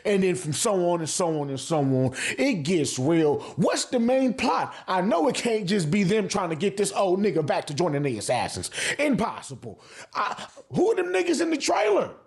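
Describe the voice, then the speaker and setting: Sitting high and sing-song, with vocal fry and a slightly mellow quality, this man's voice moves at a normal speed. He's an anime reviewer hosting his own channel, offering loose, opinionated vlog commentary heavy on slang, swearing, and repetition.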